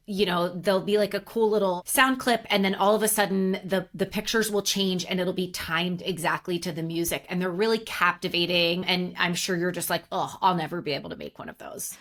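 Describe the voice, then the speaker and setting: A woman's voice: mid-range voice, steady tone, normal speed, few pauses. A woman with a scratchy voice co-hosting a podcast, interviewing in a chatty, friendly way. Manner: chatty, friendly, lots of fillers.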